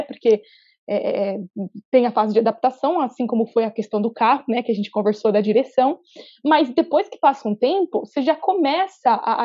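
A young Brazilian woman with a São Paulo-state accent talks animatedly as a podcast guest, often restarting her sentences. Her voice sits a little high and warm. The recording is dry and dull, like a lo-fi remote line. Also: dry recording. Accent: Brazilian Portuguese, São Paulo state. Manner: chatty, animated, frequent restarts. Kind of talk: casual interview chat. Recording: dull, lo-fi sound.

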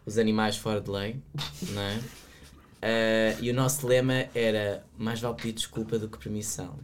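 A young man, a student guest on a podcast, talking in a relaxed, hesitant way and dropping in English words. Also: fairly low pitch, normal speed, slight background noise. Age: young adult. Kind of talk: casual chat.

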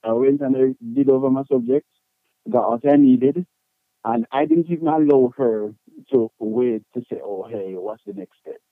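In conversation as an interview guest, a Jamaican-accented man tells personal stories, candid and emphatic in a colloquial way. His voice sits mid-range at a moderate pace, with narrow, tinny audio and no echo.

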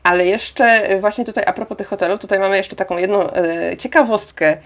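A woman co-hosting a casual chat, speaking hesitantly and pausing to search for her words. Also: mid-range voice, fairly even intonation, a bit bright. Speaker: podcast co-host.

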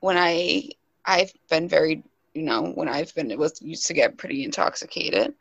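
A young woman in her twenties, a nurse, talks candidly and at length on a casual podcast, poking fun at herself. Her voice sits low with a gravelly fry. The audio is muffled and completely dry. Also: lively intonation, normal speed, no echo. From New Hampshire. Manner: candid, rambling, self-deprecating. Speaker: nurse guest.

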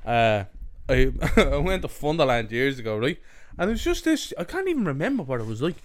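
A man's voice: mid-range voice, very animated, brisk. A young man with a Dublin accent co-hosting a podcast, chatting casually, swearing freely and telling stories through laughter. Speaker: podcast co-host. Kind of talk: casual chat.

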